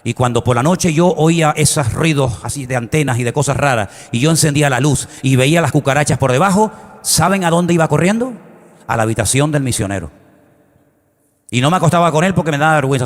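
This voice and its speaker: Animated pastor with a high voice. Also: male voice, fast. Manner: animated, acts out quoted voices and shouts. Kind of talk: sermon storytelling. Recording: long hall reverb.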